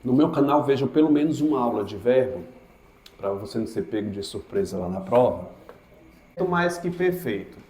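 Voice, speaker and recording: A man's voice: mid-range voice, animated, moderate pace, warm tone. A man teaching a grammar class for exam prep in a classroom, asking his students questions and answering them himself. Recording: echoey classroom.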